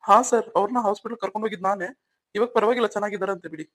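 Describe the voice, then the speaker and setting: A man voicing a calm, reassuring young husband in a cartoon story. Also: sits high, very fast. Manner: soothing, reassuring.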